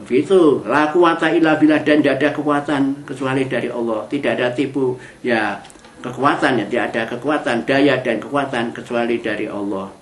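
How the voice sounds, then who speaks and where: A man's voice: mid-range voice, fairly even intonation, a little hiss or hum. Man teaching scripture, echoey. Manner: recites Arabic verses slowly, then explains in chatty colloquial asides. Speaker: Quran teacher. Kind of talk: Quran exegesis lesson. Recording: echoey room.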